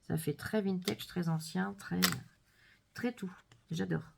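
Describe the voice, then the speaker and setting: A woman vlogger chatting casually and gushing softly as she unboxes crafts, sometimes dropping to a whisper. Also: on the low side, takes it slowly, vocal fry, noisy background. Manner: gushing, soft-spoken, drops to whispers. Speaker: scrapbooking vlogger.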